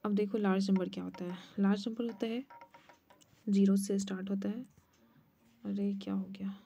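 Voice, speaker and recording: A woman's voice: mid-range voice, fairly even intonation, fairly quick, mellow. A woman maths teacher explaining place values step by step at a board, now and then muttering asides. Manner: mutters asides under her breath. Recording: muffled lo-fi recording.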